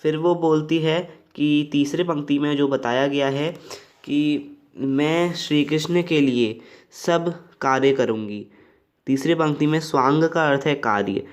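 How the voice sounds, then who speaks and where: A man's voice: fairly high pitch, highs cut off. A young man explaining a Hindi poem line by line in a plain, repetitive way, often calling his viewers friends. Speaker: tutor.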